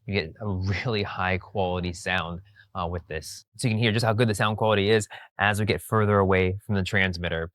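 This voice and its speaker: A man talks through a wireless lapel mic outdoors, and the AI noise cancellation leaves a processed sound. His voice sits fairly low and very dry. He explains steadily and repeats his points like a gear reviewer. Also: a bit bright, dry recording. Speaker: tech product reviewer. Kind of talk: casual product demo. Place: outdoors in a backyard.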